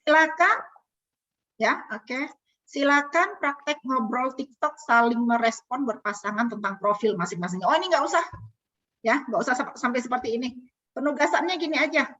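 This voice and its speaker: Husky indonesian lady coaching her group online, fairly high voice, kinda muffled call audio. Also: moderate pace. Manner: lively teacherly, asks the group questions. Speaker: communication coach. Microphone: video call. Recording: dull lo-fi video call audio.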